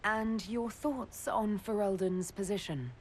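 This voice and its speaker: Composed woman leader, voiced by an actress, measured and diplomatic, mid-pitched; for a game. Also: slight background noise, lightly acted. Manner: calm, diplomatic. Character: composed female leader, the Inquisitor. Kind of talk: video game cutscene acting.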